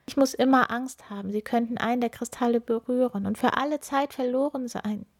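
A woman's voice: fairly high pitch, fairly quick, pitched above the performer's own voice. Woman doing a sorrowful ice queen.

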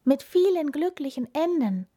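A woman's voice: fairly high pitch, unhurried, dark tone, pitched above the performer's own voice. A woman doing a fretful little hedgehog. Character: anxious little hedgehog, worrying.

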